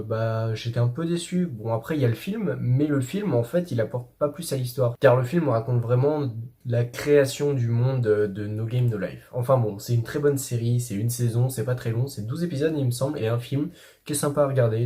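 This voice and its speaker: Chatty French man with mellow voice. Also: medium pitch. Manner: chatty, self-congratulating, many fillers. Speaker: YouTuber playing a manga quiz. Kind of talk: casual quiz commentary.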